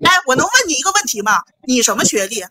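A woman's voice: sits high, big pitch swings, quick pace, heavy background noise. A woman in a heated online debate who keeps pressing with needling, mocking questions. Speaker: livestream debater.

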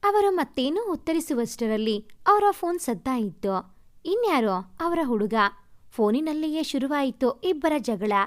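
Young woman narrating with a high, lively voice. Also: measured pace. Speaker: audio story narrator. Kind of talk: first-person story narration.

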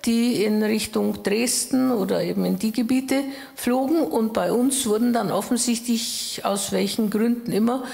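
An interview guest in her eighties from Bohemia, Czech Republic, shares personal memories on the stage of a wood-panelled hall, speaking thoughtfully with hesitations and self-corrections into a handheld mic. Her female voice is a little high and a little mellow, with vocal fry, a moderate pace and hardly any pauses. The recording carries the echo of the hall.

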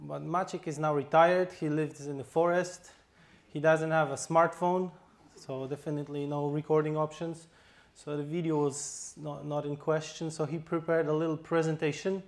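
A man with a Polish accent addresses a workshop audience from a stage microphone. His voice sits a little high for a man, and he speaks in a loose, unscripted way, pausing on fillers and restarting phrases. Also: little pitch movement. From Poland. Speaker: fire instructor presenting at a workshop. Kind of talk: conference talk, informal. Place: workshop hall.

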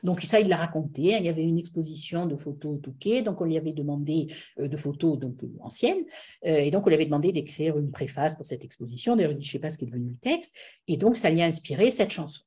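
Hesitant woman lecturing, low husky voice. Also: lively intonation, fast talker, dark tone. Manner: digressive, many hesitations and fillers. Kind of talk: online lecture on song lyrics. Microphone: video call.

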